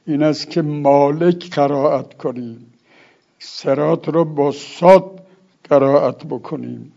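A man's voice: on the high side, vocal fry, dark tone, dull audio. A man teaching a religious law lesson, reading Arabic passages aloud and then explaining them. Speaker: seminary teacher.

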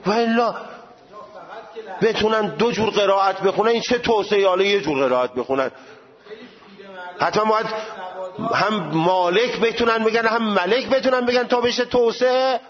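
A man giving a seminary lecture, animated and full of rhetorical questions. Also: high-pitched, in a large hall, highs cut off. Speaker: religious studies teacher.

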